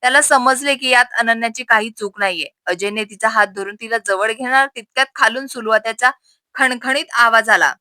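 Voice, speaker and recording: A woman narrating a scripted family story with a steady, expressive reading. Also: a little high, fairly quick, no room sound.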